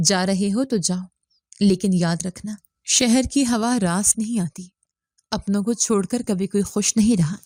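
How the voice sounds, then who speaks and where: A woman's voice: medium pitch, a little mellow, dry recording, natural voice. A woman voicing a kindly village uncle speaking in a heavy, solemn way.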